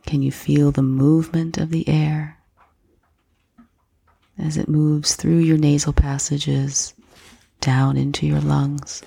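A woman guiding a slow breath-counting meditation in a soft, gentle, breathy voice with unhurried pauses. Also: low-pitched, level tone, no echo. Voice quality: soft, breathy, husky, often near whisper. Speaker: meditation guide.

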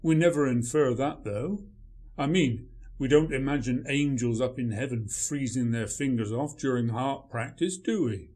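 A man's voice: medium pitch, normal speed, darkish tone, close to an everyday voice. A man playing a grumpy male writer, dry, sarcastic and dismissive in a radio play. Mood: sardonic.

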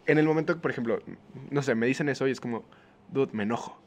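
A man, co-hosting a podcast in relaxed, slangy casual chat. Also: medium pitch, very fast. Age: 20s. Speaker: podcast co-host.

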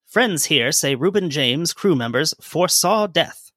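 A man co-hosts a casual history podcast, reading old newspaper quotes aloud between conversational asides. His voice is bright and a little higher than most men's. The sound is dry and close. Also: expressive, a little slow, no room sound. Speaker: podcast co-host.

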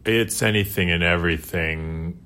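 Man, low pitch, casual podcast chat, hesitant, uses fillers. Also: moderate pace, sharp tone. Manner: hesitant, many fillers, laughs while talking. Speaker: podcast co-host.

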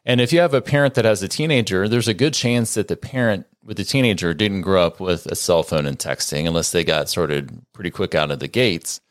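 A man in his forties, co-hosting a parenting podcast in a relaxed, conversational way with joking asides. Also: deep voice, brisk, hardly any pauses, dry recording, clean studio sound. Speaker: podcast co-host and co-parenting educator. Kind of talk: casual podcast chat.

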